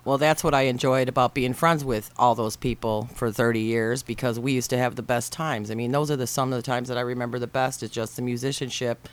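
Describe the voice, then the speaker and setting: A man's voice: medium pitch, steady tone, fairly quick, few pauses, clean tone. A man hosting a radio interview, chatting and reminiscing with his guest in a friendly way. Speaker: radio host. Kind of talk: casual radio interview chat.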